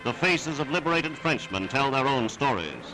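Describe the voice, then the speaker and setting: A man narrates an old wartime newsreel in an emphatic, declamatory style, over loud background music. His mid-range voice moves at a moderate pace with big pitch swings, and the recording is rough, with old newsreel character.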